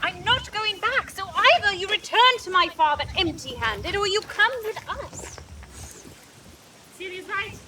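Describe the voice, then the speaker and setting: A woman's voice: extremely high pitch, lively intonation, unhurried, recorded from a distance. An actress playing a headstrong young noblewoman who speaks in a commanding, blunt and impatient way in an outdoor stage play. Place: outdoors on a farm. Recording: noisy outdoor recording from afar.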